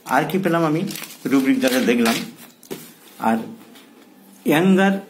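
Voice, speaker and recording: A man's voice: on the high side, animated, a little slow, a little hiss or hum. A man who is a doctor, teaching case taking in his clinic and thinking aloud as he repeats key terms. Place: clinic consulting room.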